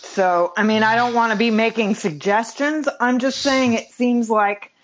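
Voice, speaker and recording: A woman's voice: fairly high pitch, measured pace. A woman calling in to a podcast, asking her question in a hesitant, rambling way. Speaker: caller. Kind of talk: call-in question.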